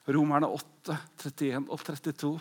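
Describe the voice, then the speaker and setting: Fervent high-voiced male preacher. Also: level tone, breathy edge. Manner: fervent, swings from loud exclamations to hushed prayer. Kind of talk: pentecostal sermon. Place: large conference hall.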